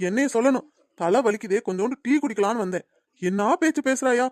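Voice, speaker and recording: A woman's voice: a little high, fast talker, a little mellow, dry recording, studio quality, close to an everyday voice. A woman voicing a meek henpecked husband. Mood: pleading. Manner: timid, pleading. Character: meek henpecked husband, middle-aged man. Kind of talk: cartoon comedy voice acting.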